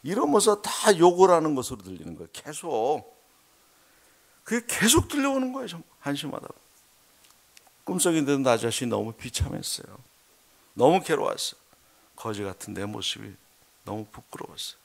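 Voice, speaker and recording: A middle-aged man, a missionary, preaching a heartfelt testimony sermon in church, dropping to hushed murmurs and then rising to loud, emphatic bursts. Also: a little high, very animated, normal speed, creaky, long pauses. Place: church sanctuary.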